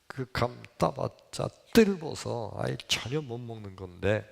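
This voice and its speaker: A man preaching a sermon as pastor, telling a childhood story in an animated way and acting out the people in it with sudden loud, high jumps. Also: unhurried, creaky. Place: church sanctuary. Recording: long reverb of a church hall.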